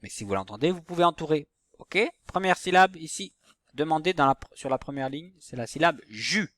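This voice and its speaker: A man teaching a recorded phonics lesson to young pupils, saying each example word slowly and patiently. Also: a little high, animated, a bit bright, dry recording.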